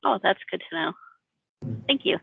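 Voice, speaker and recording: A woman's voice: lowish voice, animated, moderate pace, creaky, slightly rough. A woman attending an online meeting, speaking casually as she asks questions. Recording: tinny narrowband call audio.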